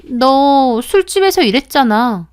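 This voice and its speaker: A woman's voice: sits high, expressive, unhurried, smooth, voice pushed up. A woman voicing a scheming young female friend who gets defensive and snaps back when confronted, in a storybook drama. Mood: dismissive. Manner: indignant, snapping back.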